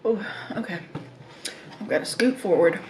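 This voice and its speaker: A woman's voice: mid-range voice, lively intonation, normal speed, noisy background. A woman chatting casually as a mukbang host, eating and savoring her food as she talks. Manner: eating while talking, with savoring mms between phrases. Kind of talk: casual eating-show chat.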